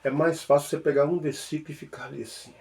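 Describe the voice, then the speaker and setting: A man with a Mineiro Brazilian accent giving an informal spiritual teaching, playful and animated, shifting between loud exclamations and soft murmured repetitions. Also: on the high side, fast talker, vocal fry. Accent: Mineiro Brazilian Portuguese. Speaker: spiritual speaker.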